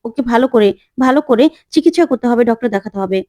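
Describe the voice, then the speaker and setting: Stern middle-aged father, higher-pitched and brisk, as read by a woman. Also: animated, a little mellow, dry recording, studio quality, close to an everyday voice.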